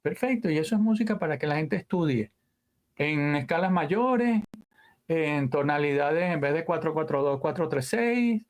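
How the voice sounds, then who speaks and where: A man, a guest audio engineer telling stories in a casual interview, animated and full of sound words and trailing asides. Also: fairly high pitch, normal speed.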